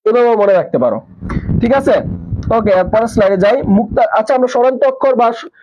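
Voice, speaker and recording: High pitched guy teaching online, keeps quizzing students and repeating terms, muffled lo-fi sound. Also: lively intonation, quick pace. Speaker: nursing admission teacher. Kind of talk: live online class.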